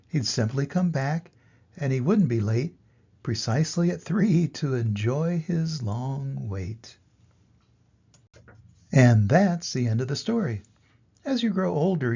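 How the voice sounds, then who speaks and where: An older man, a grandfather, reading a children's story aloud in an expressive grandpa voice to little children. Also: mid-range voice, creaky, husky, dull audio.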